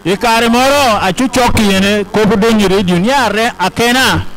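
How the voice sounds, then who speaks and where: A man's voice: high-pitched, moderate pace, fairly bright tone, a little hiss or hum, low-quality recording. A man acting as interpreter, relaying a podium speech aloud phrase by phrase. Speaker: consecutive interpreter at a ceremony.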